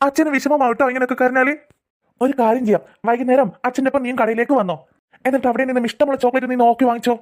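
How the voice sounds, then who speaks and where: A woman's voice: sits high, steady tone, racing, natural voice. A woman doing a flustered apologetic cartoon dad. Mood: pleading. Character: soft pleading father, flustered and apologetic. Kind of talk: cartoon voice acting.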